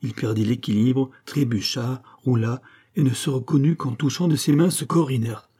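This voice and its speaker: A man narrating a classic novel as an audiobook, reading in a measured, dramatic way. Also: mid-range voice, steady tone, warm tone, breathy edge. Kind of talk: scripted narration.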